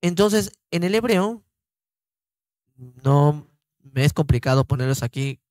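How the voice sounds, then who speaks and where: An older man teaching scripture informally, slow and deliberate, repeating words as he explains them. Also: on the high side, lively intonation, darkish tone, dry recording. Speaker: Bible teacher.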